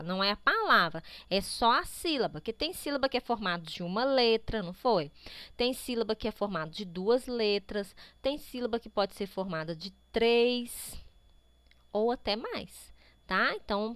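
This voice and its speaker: Lively coaxing Brazilian woman teacher. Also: a little high, clear, resonant tone, dry recording. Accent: Brazilian Portuguese. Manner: patient, coaxing, stretches words to sound out syllables; constant tag checks to pupils. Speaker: primary school teacher. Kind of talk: remote class walkthrough of a workbook.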